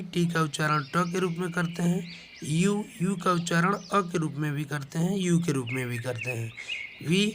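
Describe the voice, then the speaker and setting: A man teaching a slow spoken lesson, patiently going over each letter and its sound again and again. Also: a little high, noisy background. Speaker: English teacher. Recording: clear bird sounds in background. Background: birdsong.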